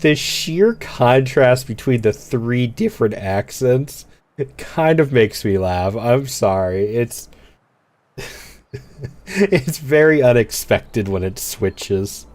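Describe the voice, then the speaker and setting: A man streaming a game, giving wry, slightly halting commentary. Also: medium pitch, big pitch swings, darkish tone. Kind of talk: casual gameplay commentary.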